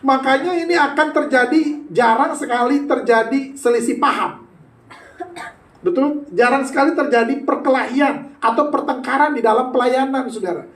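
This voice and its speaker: A man's voice: very high voice, normal speed, fairly bright tone. A man preaching a sermon as pastor, joking and bantering with the congregation and slipping into casual slang. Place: church sanctuary. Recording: echoey church hall, heard from a distance.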